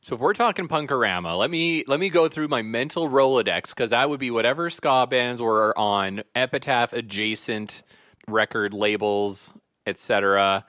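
A man's voice: medium pitch, normal speed, bright, forceful tone, no room sound, studio quality. A man hosting a podcast in a casual, chatty style. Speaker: podcast host. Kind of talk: casual chat.

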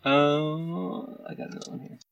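A man narrating as game master of a tabletop game, animated and quick to laugh. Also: fairly high pitch, creaky, highs cut off, heavy background noise.

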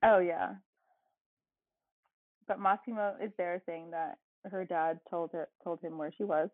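A woman's voice: lowish voice, fairly even intonation, unhurried, no echo. A woman co-hosting a podcast, casually recapping a movie plot with dry asides. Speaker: podcast co-host. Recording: tinny phone-like line.

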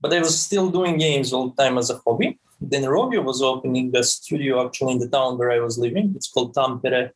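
Man in his forties, podcast guest, husky voice, stop-start delivery. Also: mid-range voice, a little fast, hardly any pauses, low-quality recording. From Serbia. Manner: frequent stammered restarts, repeating words. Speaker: guest, game creative director. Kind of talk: podcast interview.

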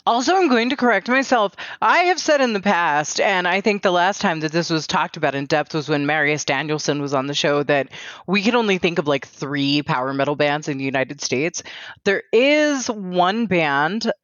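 A woman's voice: lowish voice, expressive, moderate pace, fairly bright tone, dry recording. A woman in her forties hosting a solo podcast, talking in a chatty, candid way full of fillers. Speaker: podcast host. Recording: dry, slightly dull lo-fi sound.

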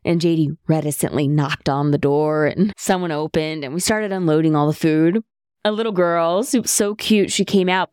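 A woman's voice: deep voice, a little mellow, clear, resonant tone, no echo, clean studio sound. A woman hosting a podcast from her bedroom at home, telling a story and then introducing her guest, laughing easily. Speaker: podcast host.

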